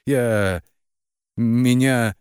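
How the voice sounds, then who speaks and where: A man's voice: mid-range voice, very slow, a little mellow, smooth, dry recording, studio quality, pitched above the performer's own voice. A man voicing a bitter, cold middle-aged mother who resentfully blames her daughter. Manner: blaming, resentful.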